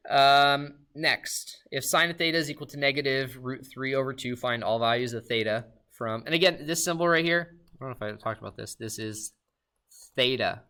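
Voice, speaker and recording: A man giving a recorded math lesson, upbeat and talking straight to his students with quick questions. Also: medium pitch, fairly even intonation, pushed and bright, clear, resonant tone. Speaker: math teacher.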